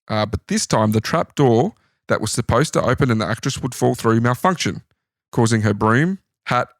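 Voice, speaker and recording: Reading trivia from his notes, this Australian man tells stories in a relaxed chat as a podcast co-host. His medium-pitched voice has lively intonation and a moderate pace, on a dry, studio-quality recording.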